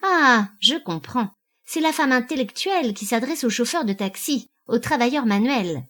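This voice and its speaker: A woman's voice: mid-range voice, brisk, close to an everyday voice. A woman reading an audiobook, voicing a cold, arrogant husband who sneers with contempt. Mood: scornful. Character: cold, arrogant, scornful married man.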